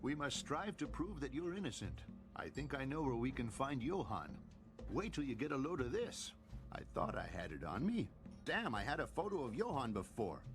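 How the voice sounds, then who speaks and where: A man acting an earnest, reassuring male investigator in an anime dub, with a gravelly voice and emphatic, coaxing delivery. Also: medium pitch, sing-song, normal speed, music in the background, lightly acted. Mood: frustrated.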